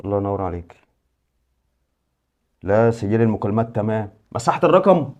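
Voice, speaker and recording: A man's voice: fairly low pitch, expressive, brisk, a little mellow. An Egyptian man acting in a comedy sketch, first confronting his wife, then pleading with a friend. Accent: Egyptian Arabic.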